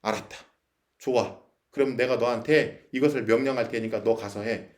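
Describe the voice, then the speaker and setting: A man's voice: mid-range voice, steady tone, normal speed, voice pushed down, natural voice. A man acting out the voice of a stern God who scolds and gives commands. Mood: commanding. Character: stern commanding God, angry at ungrateful people.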